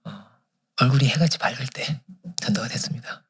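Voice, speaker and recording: A man's voice: medium pitch, a little fast, slightly rough, in a whisper. A male pastor preaching a sermon at a church service, telling a story and acting out the prayers in it. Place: church sanctuary.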